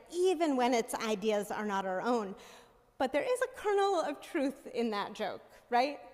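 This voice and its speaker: A woman minister with a high voice preaches a sermon into a pulpit microphone in a church sanctuary. Her delivery is measured and conversational, and she often asks the congregation "right?" The church hall gives a long reverb.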